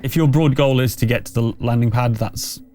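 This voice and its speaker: A game master runs a tabletop roleplaying game, narrating and explaining in a conversational, slightly hesitant manner. His voice is mid-range and darkish, his pace brisk, with faint music in the background.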